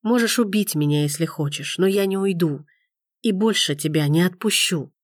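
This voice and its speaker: A woman's voice: moderate pace, dry recording, clean studio sound, lightly acted. A woman reading the lines of a bitter, insistent man who turns tender. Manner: low, insistent, softly tender. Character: man, intense, bitter, then tender lover.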